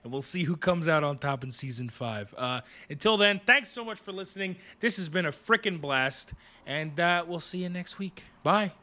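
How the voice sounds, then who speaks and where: Bright-voiced joking male podcast host. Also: on the high side, lively intonation, moderate pace. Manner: joking, wry, signs off the show. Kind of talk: casual chat.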